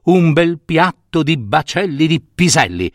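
A man doing a squeaky magic onion. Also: big pitch swings, a little slow, no room sound, studio quality. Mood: eager. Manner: chirpy, emphatic. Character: tiny magic talking onion, eager to serve.

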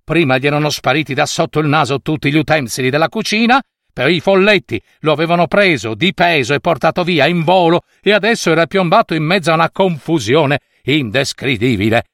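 A man reading a fairy tale aloud in an expressive, playful way. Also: fairly high pitch, fairly quick, no echo, clean studio sound. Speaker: storyteller.

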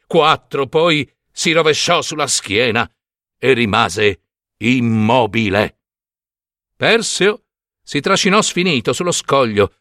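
A man narrating a myth as a dramatic, expressive storybook reading. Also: a little high, no room sound, studio quality. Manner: expressive, animated delivery.

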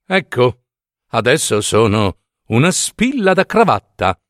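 A haughty little darning needle speaks in a high, fussy voice full of self-importance, as a male narrator puts it on. Its pitch leaps around as it frets about being too thin. The sound is dry and close. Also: sing-song, slow, no echo. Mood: vain, fussy. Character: vain fragile darning needle, thin and proud.

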